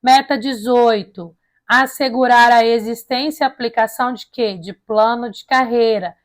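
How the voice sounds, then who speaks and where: A woman's voice: a little high, steady tone, a little slow. A Brazilian woman lecturing informally, with tongue-tied, slightly slushy s sounds, asking and answering her own questions and checking in with listeners. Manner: colloquial, asks and answers own questions, frequent check-in tags. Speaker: teacher preparing students for a public service exam. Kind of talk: informal lecture explaining an education plan point by point.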